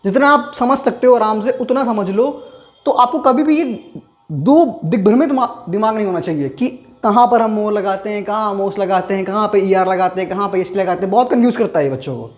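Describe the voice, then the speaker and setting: A man teaching grammar in an online lesson, who asks rhetorical questions and then answers them himself, repeating key terms slowly for emphasis. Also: sits high.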